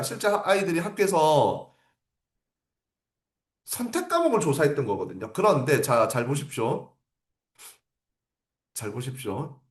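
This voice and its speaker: A man's voice: high voice, reverberant. A man teaching parents in a livestream lecture, often asking rhetorical questions and repeating his key points for emphasis. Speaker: academy teacher.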